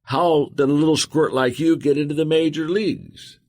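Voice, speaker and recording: Man doing a loud taunting young cadet. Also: on the high side, moderate pace, pitched above the performer's own voice, lightly acted. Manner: shouting, taunting. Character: loud heckling young male military cadet.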